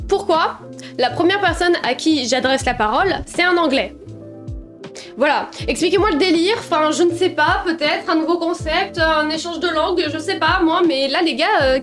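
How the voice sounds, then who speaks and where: A young woman vlogger telling funny travel mishaps in a casual, animated and self-mocking way. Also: high-pitched, a little fast, faint music behind. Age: young adult. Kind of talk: casual storytime.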